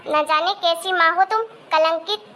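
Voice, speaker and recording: A woman's voice: very high-pitched, normal speed, fairly bright tone. A woman voicing a cruel, two-faced young daughter-in-law who talks in a sneering, bossy way in a family drama. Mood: scornful. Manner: sneering and bossy, turns sweet and whiny before her husband. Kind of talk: amateur Hindi family-drama acting.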